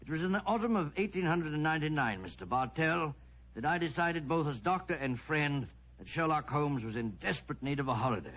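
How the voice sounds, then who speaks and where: A kindly old british doctor on old time radio, bit high voiced, hesitant little asides, loyal friend type. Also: male voice, lively intonation, a little fast, fairly bright tone, rough recording. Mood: genial, reminiscing. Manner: avuncular, hesitant asides, exclamatory. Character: genial elderly doctor, British gentleman narrator and loyal friend.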